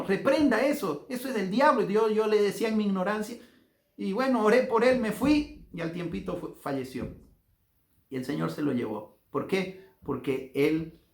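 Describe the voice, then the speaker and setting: A man with a Bolivian accent preaching as a pastor, fervent and slowing into drawn-out emphatic phrases as he leads a prayer. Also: on the high side, vocal fry. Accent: Bolivian Spanish. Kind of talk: sermon with guided prayer. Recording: echoey room with faint music.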